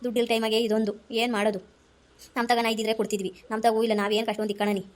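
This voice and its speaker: A woman's voice: fairly high pitch, level tone, fast talker, natural voice. An actress playing a worried older mother, scolding yet tender as she consoles her grown son in a family drama. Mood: consoling. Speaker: mother-in-law of the wife. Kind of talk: amateur family drama skit.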